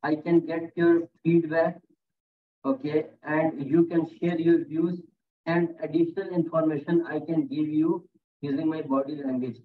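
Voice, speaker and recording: Over a video call, a male safety instructor lectures his class and takes their questions, staying encouraging, repeating students' answers back to them, and saying "okay" and "very nice" a lot. His voice is a little high for a man, a little slow, and has little pitch movement. Picked up by a computer mic, the audio is thin and tinny like a phone line, with slight background noise.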